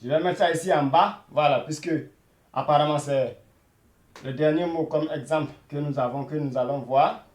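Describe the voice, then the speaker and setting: A man teaching a beginner Arabic lesson who repeats each word slowly and keeps saying "voilà". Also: on the high side, reverberant. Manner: repeats words slowly, many "voilà" fillers.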